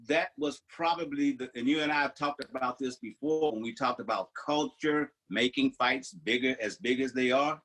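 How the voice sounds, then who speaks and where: Husky older man telling stories. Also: mid-range voice, moderate pace, few pauses, fairly bright tone, rough recording. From United States. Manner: rambling storyteller, many restarts. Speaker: podcast co-host. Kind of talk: casual chat.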